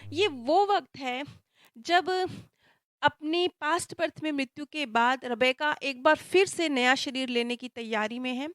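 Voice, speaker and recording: A woman narrating a past-life story in a calm, explanatory way, with slow, reflective pauses. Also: sits high, dry recording, clean studio sound. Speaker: spiritual storyteller.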